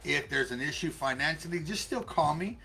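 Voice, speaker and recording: A man's voice: a little high, lively intonation, a little fast, gravelly, sharp tone. A man co-hosting a casual live stream, rambling in a friendly way with many fillers and restarts. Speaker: co-host and life coach.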